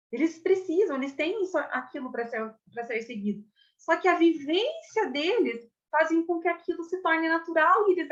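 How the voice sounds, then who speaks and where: A young Brazilian woman with a high voice teaches a casual theater class and talks to her viewers in a chatty, expressive way. She often stops to ask if they follow. The recording sounds a little dull and lo-fi. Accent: Brazilian Portuguese. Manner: chatty, expressive, repeats words and checks in with listeners. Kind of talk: casual online lesson. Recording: slightly dull lo-fi audio.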